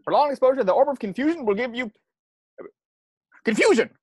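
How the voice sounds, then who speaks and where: A doddering, bombastic old cartoon hero. The voice is high and wildly animated, with a very dry, close sound. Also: male voice, fast, breathy edge, no room sound, full character voice. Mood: alarmed. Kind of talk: cartoon table reading.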